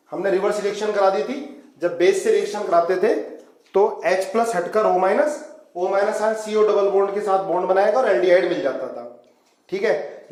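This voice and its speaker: A man's voice: high-pitched, darkish tone, echoey room, poor audio. A man teaching a chemistry lecture at a whiteboard, coaxing students and calling them "beta" as he walks through reaction mechanisms. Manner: coaxing, calls students "beta", asks them to follow along.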